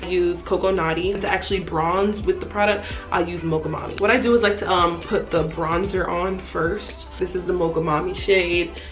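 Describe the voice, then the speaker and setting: A young woman giving a casual, chatty makeup tutorial in a playful, self-deprecating way. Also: on the low side. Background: music.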